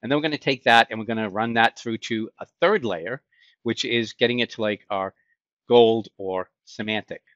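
A man's voice: on the low side, normal speed, a bit bright, dry recording. A middle-aged man with a Boston accent, teaching a screen-share tech tutorial in a conversational way, asking himself questions and answering them. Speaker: instructor. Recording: dull lo-fi sound.

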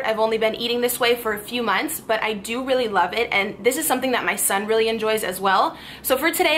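A woman in her twenties, a lifestyle vlogger, chats casually to camera, upbeat and full of ums and likes, in a voice-over cooking tutorial. Her fairly high voice is a bit bright, with slight background noise. She's framed from the waist up in a bedroom with a clothes rack behind her.

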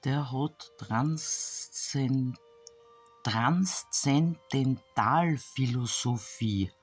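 A woman talks slowly and gravelly, musing to herself as she reads small labels aloud, often dropping to a half-whisper. Faint music plays under her voice. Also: a bass voice. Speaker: craft vlogger opening an advent calendar. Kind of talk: casual unboxing chat. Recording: soft background music.

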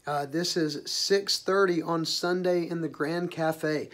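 Hoarse guy doing church announcements, kinda high voice, upbeat and chatty. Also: steady tone, takes it slowly, a bit bright. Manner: upbeat, enthusiastic, with frequent "uh" fillers. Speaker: church leader announcing events. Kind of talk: casual spoken announcements.

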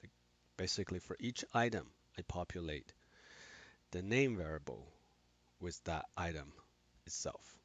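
A man explaining software in a screen-recorded tutorial, talking haltingly with many restarts and fillers. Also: sits low, lively intonation. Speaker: instructor.

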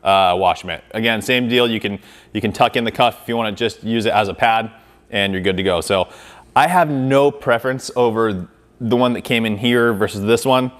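A man's voice: fairly low pitch, moderate pace. A man in his thirties hosting a car detailing channel, talking casually through a product comparison with lots of fillers, recorded in a garage workshop on a lapel mic. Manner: conversational, filler-heavy, demonstrative with hands.

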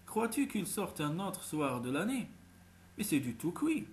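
Slick crook, eager and persuasive, raised pitch, a male narrator puts him on. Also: big pitch swings, a little slow, a little hiss or hum. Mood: scheming. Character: scheming male crook, smooth talker.

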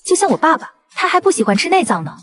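A woman's voice: very animated, quick pace, fairly bright tone, heavily acted. A woman voicing a young schoolgirl who complains about unfair treatment. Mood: complaining. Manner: high and complaining. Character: young schoolgirl, hurt and plain-spoken.

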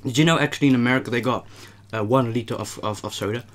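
A man's voice: medium pitch, racing. A young man with a mid-range voice chats in an attic room. He is casual and slangy as host, talking between bites in front of a camera across the table. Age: young adult. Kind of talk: casual mukbang chat. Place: small warm attic room, indoors.

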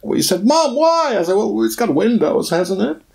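A man's voice: sits high, sing-song, moderate pace, gravelly, a little mellow, heavily acted. A man voicing a chatty, rambling woman obsessed with curtains in a spoof news interview. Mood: chatty, fond.

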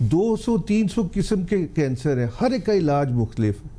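A man's voice: on the high side, very animated, normal speed, warm tone, soft background music. An older man, a cancer specialist on a TV health talk show, giving earnest, pleading advice to the public. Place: TV studio.

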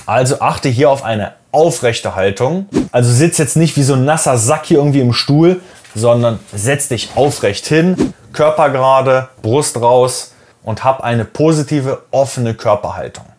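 A man's voice: mid-range voice, a little mellow, slight background noise. A man who teaches English, giving direct, encouraging tips for an oral exam in a lesson video.

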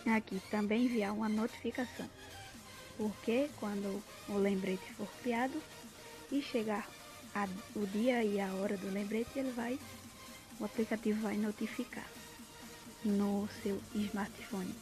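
A woman's voice: medium pitch, fairly even intonation, a little slow. A Brazilian woman giving an unscripted demonstration of an app as a tutorial host. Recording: music playing behind the voice. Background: clear background music.

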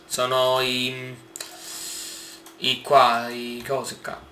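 A man giving casual gameplay commentary, excitable and exclaiming often as he talks to his viewers. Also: medium pitch, very slow, roomy sound, slight background noise. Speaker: gaming YouTuber.

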